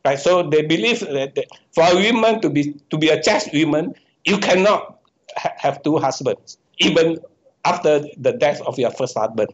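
Halting professor with a muffled sound. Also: male voice, fairly high pitch, lively intonation. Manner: halting, self-correcting, explaining step by step. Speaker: economics professor, guest. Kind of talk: answering questions in a podcast interview. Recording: dull, muffled lo-fi audio.

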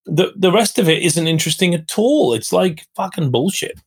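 Husky, foul-mouthed blunt man. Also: high voice, animated, normal speed. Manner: blunt, profane and fired-up. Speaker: podcast guest. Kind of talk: candid interview talk.

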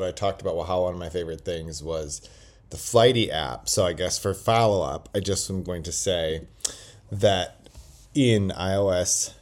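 Low-voiced man chatting on a podcast. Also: a little mellow. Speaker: podcast host. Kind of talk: casual chat. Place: quiet indoor place while traveling. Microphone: built-in laptop microphone.

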